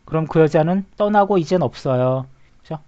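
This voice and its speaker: A man's voice: a little high, expressive, normal speed, mellow. A man teaching an English grammar lesson, explaining step by step, answering his own questions and often checking that the listener follows. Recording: dull lo-fi sound.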